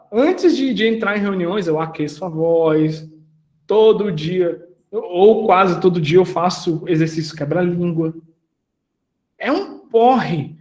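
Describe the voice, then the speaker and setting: Brief: male mentor, higher-pitched voice, lively and slangy, quizzes his listeners. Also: echoey room. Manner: animated, slangy, asks the audience questions. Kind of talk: casual mentoring talk.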